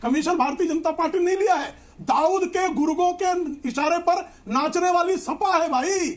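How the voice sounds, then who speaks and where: High-pitched guy arguing hard on a tv panel, keeps talking over people. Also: normal speed. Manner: insistent, talks over others. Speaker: party spokesperson in a TV debate. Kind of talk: heated TV debate.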